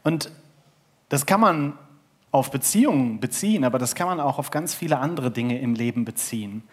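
A man's voice: mid-range voice, lively intonation, normal speed. A man preaching a sermon in a conversational way, telling a parable and asking the audience questions. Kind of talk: sermon with storytelling.

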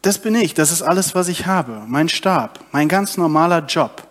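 A man's voice: a little high, animated, normal speed, fairly bright tone, in a large hall. A man voicing Moses as a reluctant shepherd who pleads and objects. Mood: resigned.

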